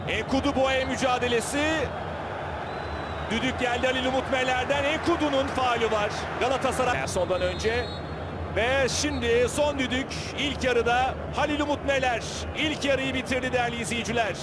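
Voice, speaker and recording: High-pitched, excitable screaming Turkish football commentator, male. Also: normal speed, very noisy. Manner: screaming, excited shouting at chances and goals; dramatic, urgent delivery in short bursts. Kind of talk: live football play-by-play commentary.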